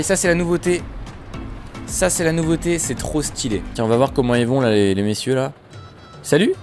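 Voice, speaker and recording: A man giving casual, joking commentary while playing a bus driving game, with his voice jumping up in pitch when excited. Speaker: gaming video creator.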